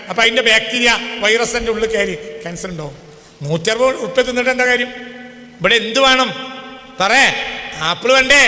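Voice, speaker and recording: A man's voice: very high voice, bright, forceful tone. A man preaching a sermon with a Malabar Malayalam accent, firing questions at his listeners and pressing them to answer. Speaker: Islamic preacher. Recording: echoey hall with long reverb.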